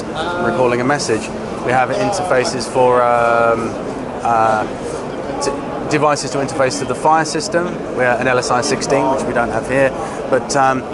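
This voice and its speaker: A man giving an informal, technical product demonstration as a company representative, speaking haltingly with frequent pauses. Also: medium pitch. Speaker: company representative presenting products at a trade show. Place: busy trade show exhibition floor. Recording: loud trade show floor noise.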